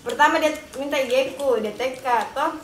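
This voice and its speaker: A woman's voice: high voice, fairly quick. A young woman chats casually while eating. The room is echoey and noisy, with dishes clattering.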